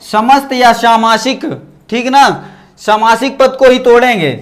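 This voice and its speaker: A man's voice: extremely high pitch, steady tone, unhurried. A man teaching a grammar class online, repeating each point and checking in with his students often. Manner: repetitive, checks in with "ठीक ना" after points. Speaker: Sanskrit teacher.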